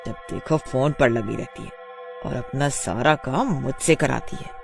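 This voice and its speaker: A man voicing a cruel, bossy witch daughter-in-law in a cartoon story, shouting threats and orders. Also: mid-range voice, measured pace, gravelly, faint music behind. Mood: scolding, menacing. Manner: loud, scolding, threatening.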